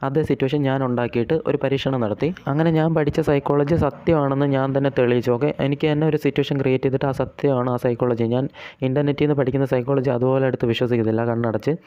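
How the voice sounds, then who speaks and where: Man, casual advice monologue, rapid, clear voice, chatty, keeps saying okay, dry dull recording. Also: medium pitch, fairly even intonation, dark tone, dry recording. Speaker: host.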